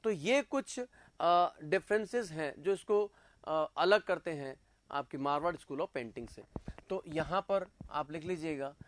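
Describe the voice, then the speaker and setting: Slow, unhurried man teaching a class. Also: a little high. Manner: slow, dictating notes word by word with many fillers. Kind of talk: online exam-prep class lecture.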